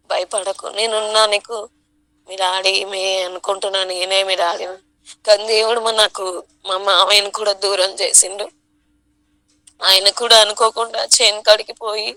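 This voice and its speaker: A woman's voice: medium pitch, pushed and bright, no room sound, poor audio. A woman with a Telangana Telugu accent giving an earnest, emotional personal testimony at a church prayer meeting.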